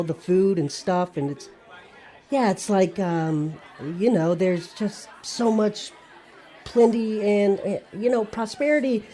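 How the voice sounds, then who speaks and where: A woman acts an awkward, uneasy horseman of famine for a mockumentary radio comedy. The voice is soft-edged and mellow at a middling pitch, wandering haltingly through unfinished thoughts. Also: natural voice. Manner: rambling, halting, inarticulate.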